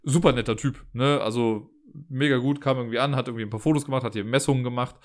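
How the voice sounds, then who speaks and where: A man's voice: medium pitch, steady tone, fast. A man telling a story in a chatty, exasperated rant from his living room, often tagging his sentences with a questioning "ne?".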